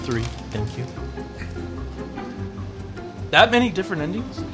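A man's voice: high-pitched, big pitch swings, unhurried, over music. A man in his twenties bantering casually with friends in short, crude interjections. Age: 20s.

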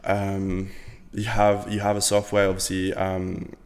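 A man's voice: deep voice, completely flat delivery, unhurried, big-room sound. A young man from Latvia, a podcast guest, chatting casually in a rambling way with lots of fillers and the odd swear word. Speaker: podcast guest, business owner.

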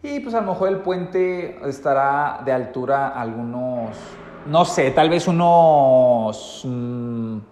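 Animated Mexican man, echoey room. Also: medium pitch, slow pace, few pauses. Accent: Mexican Spanish. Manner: animated, many fillers and restarts, addresses viewers. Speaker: vlogger. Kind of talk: casual storytelling to viewers.

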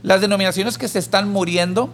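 A fast-talking man with a high-pitched voice co-hosts a church podcast and tells a parable in a conversational teaching style. Animated throughout, he raises his voice for the pleading character.

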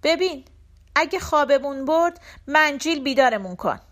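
A woman's voice: sits high, lively intonation, voice pushed up. A woman reading the lines of a young male traveler who calls out urgently, in a raised, pleading voice. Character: young man, the urgent first-person traveler.

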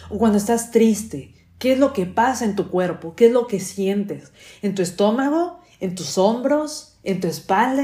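Lady podcaster, chatty, keeps asking the listener stuff, echoey room. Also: mid-range voice. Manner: warm, chatty, many rhetorical questions. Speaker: podcast host. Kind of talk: casual self-help podcast talk.

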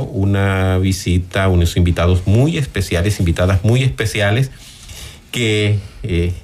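Man, radio host, devout and warm, lowish voice. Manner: warm, devout, fond of church phrases. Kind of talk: radio interview.

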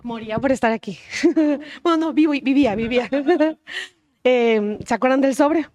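A woman's voice: sits high, moderate pace, a little mellow, no echo, lo-fi sound. A woman giving a testimony at church, chatty and acting out dialogue. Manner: chatty, acts out dialogue, laughs.

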